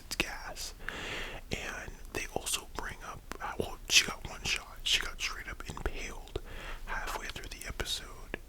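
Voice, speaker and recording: A person speaking in a soft, breathy whisper, musing casually like an ASMR host in a discussion video. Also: low-quality recording.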